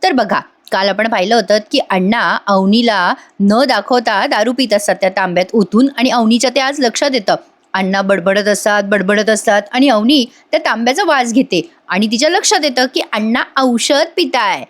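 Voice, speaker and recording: A woman's voice: on the high side, normal speed. A woman narrating a chatty voice-over recap of a TV serial episode and talking straight to her listeners. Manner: chatty, addresses listeners directly. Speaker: TV serial reviewer. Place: voice-over, not at the pictured place.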